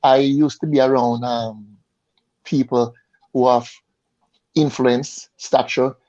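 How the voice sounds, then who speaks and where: Appearing as an interview guest, this Jamaican insurance advisor gives relaxed, conversational answers in a mellow, medium-pitched voice with a steady tone. He halts and repeats words while searching for them, and the online call sounds muffled and lo-fi.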